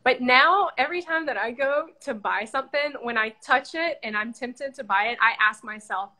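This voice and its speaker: Woman interviewer from the States, bright, fairly high voice, chatty video call from home. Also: normal speed, low-quality recording. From United States. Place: indoors at home.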